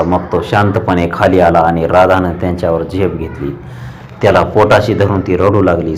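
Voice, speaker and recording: A man reading a novel aloud as an audiobook narrator, in a steady, expressive storytelling manner. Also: deep voice, a little hiss or hum.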